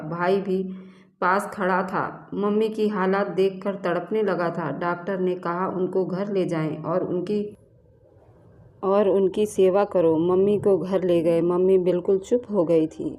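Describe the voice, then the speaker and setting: A woman's voice: fairly low pitch, mellow. A woman narrating an emotional true story in the first person, speaking all the family dialogue in her own voice.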